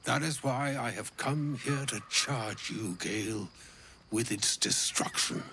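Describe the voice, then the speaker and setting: Playing a grave, fussy old wizard who is ancient, gluttonous and grandiloquent, a male actor speaks in a video game with a pushed, bright, medium-pitched voice over a slight hiss or hum. The delivery is solemn, florid, pompous and wordy, stumbling whenever the wizard feels uneasy.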